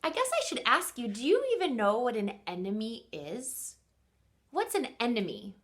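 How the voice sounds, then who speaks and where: A woman teacher and host, her voice a little high, reads a storybook expressively to young children. She keeps pausing to put questions to those listening.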